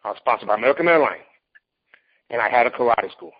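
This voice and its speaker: In a dull, lo-fi recording, a man in his late forties who competes in and teaches martial arts tells his story in an interview. He's blunt and emphatic, with a husky mid-range voice that's expressive and quick-paced.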